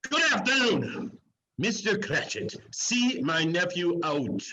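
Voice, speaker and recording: A man playing Scrooge, a bitter old miser with a gruff, husky voice, in an amateur dramatic reading. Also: high voice, sing-song, slow pace, pushed and bright, slight background noise, full character voice. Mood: dismissive. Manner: gruff, curt, exclamatory. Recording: dull lo-fi video-call audio.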